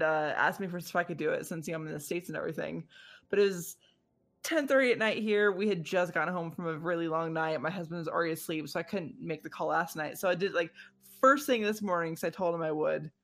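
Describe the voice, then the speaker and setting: A woman co-hosting a casual podcast chat, teasing and quick to laugh. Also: lowish voice, a bit bright. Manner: teasing, giggly. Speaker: podcast co-host.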